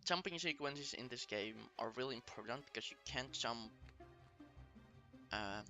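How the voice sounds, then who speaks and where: A man's voice: mid-range voice, expressive, normal speed, pushed and bright, soft background music. A man speaking as a speedrunner, giving a casual route tutorial in short, step-by-step instructional phrases. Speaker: speedrunner explaining a game route to viewers.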